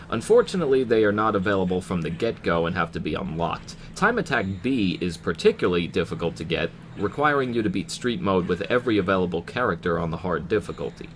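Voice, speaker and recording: A low-pitched American man narrates a scripted game review. His intonation is very lively, with casual wry asides, over faint noise.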